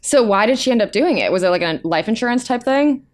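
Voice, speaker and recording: A woman's voice: a little high, animated, fast talker. A woman hosting a casual interview, asking direct questions and reacting bluntly. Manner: blunt, swears, reacts with disbelief. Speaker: podcast host.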